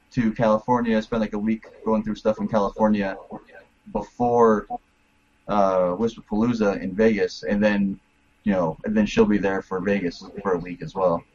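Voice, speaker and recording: A man chatting casually in a group, hesitant, with many pauses and filler words. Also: fairly low pitch, darkish tone, highs cut off. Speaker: panel guest.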